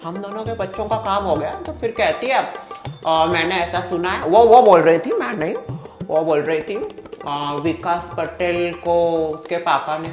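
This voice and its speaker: A man's voice: fairly high pitch, lightly acted. A man playing a gossiping middle-aged neighbor woman who passes on rumors and then denies saying them, in a comedy sketch. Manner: gossipy, defensive, drops voice when quoting others. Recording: echoey room, faint music.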